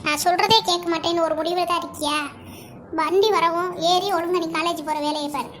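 Woman doing a bossy cartoon mom, very high voice, bright tone, harsh scolding. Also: steady tone, brisk, slight background noise. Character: stern scolding middle-aged mother, sharp-tongued. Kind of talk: cartoon dialogue acting.

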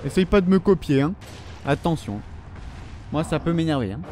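Foul-mouthed French gamer taunting enemies. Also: male voice, on the high side, normal speed, a little hiss or hum. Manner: swearing, taunting enemies, animated. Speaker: gaming video host. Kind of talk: let's play commentary. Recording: faint game gunfire underneath.

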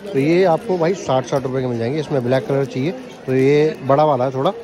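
A man's voice: mid-range voice, fairly even intonation, fast. A young man vlogging through a busy street market, asking vendors for prices and repeating them to his viewers. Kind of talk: casual walkaround vlog. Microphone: handheld camera, point of view and selfie. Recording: outdoor market crowd noise. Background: crowd chatter.

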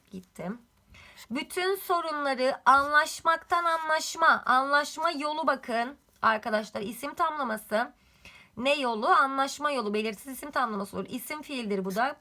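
Bright high-voiced woman teaching grammar. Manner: quizzing the class with repeated questions. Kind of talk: grammar lesson.

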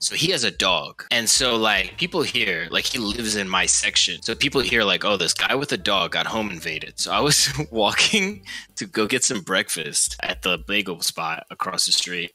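Bright-voiced man telling profane stories. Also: on the low side. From Russia. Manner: profane, rambling, mimics others in a raised voice. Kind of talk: casual storytelling.

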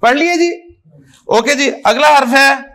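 A man teaches Arabic letters over a video call. His voice sits high and he talks slowly, stopping often to check that students follow. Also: pushed and bright. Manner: patient, drills letters with frequent checks. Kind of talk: online class teaching.

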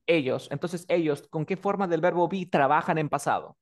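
A man's voice: fairly high pitch, normal speed. A man teaching English in Spanish, patiently repeating words to drill pronunciation. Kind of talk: online English lesson in Spanish.

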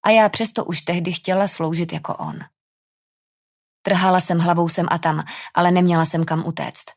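A woman narrating a first-person fantasy audiobook with a tense, dramatic delivery. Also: fairly low pitch.

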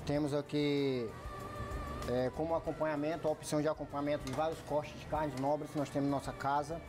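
Chef explaining, music under. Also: male voice, fairly high pitch, brisk. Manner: calm, explanatory, with fillers. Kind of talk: explaining kitchen work on camera. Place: large restaurant kitchen.

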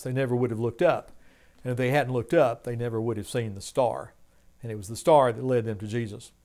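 An older man preaching a sermon from a home study, speaking in a measured, earnest way with rising emphasis on key points. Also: mid-range voice, darkish tone. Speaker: pastor. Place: home study with bookshelves, indoors.

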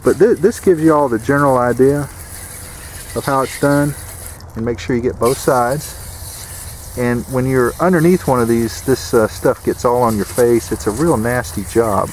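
A man's voice: mid-range voice, moderate pace, slight background noise. A man giving a plain-spoken, folksy how-to demonstration outdoors, repeating his warnings. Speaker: DIY home repair instructor. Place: outdoors beside an air conditioner unit.

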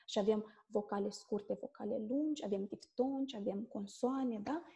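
A woman from Moldova with a Moldovan Romanian accent, an English teacher explaining pronunciation as an interview guest and often checking in with a quick "da?". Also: fairly high pitch, warm tone.

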